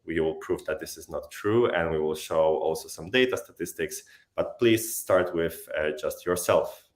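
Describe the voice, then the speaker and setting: A man hosting a livestream, speaking haltingly and often restarting as he searches for words. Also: low-pitched. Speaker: host. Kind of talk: livestream interview.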